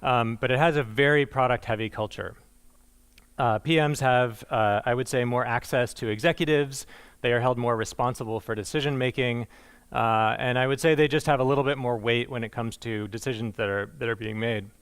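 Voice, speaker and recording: A man's voice: mid-range voice, fairly even intonation, a little fast, a bit bright, clear, resonant tone. A man giving a conversational conference presentation, with frequent fillers and restarts and a dry, self-deprecating humor. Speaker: conference speaker.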